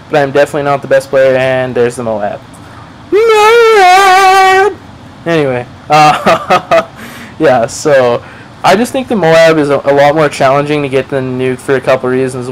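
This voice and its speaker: Over a match, a man with a higher-side voice gives loose gameplay commentary full of rambling, profanity, and self-deprecation. The recording is poor, with a bit of hiss or hum.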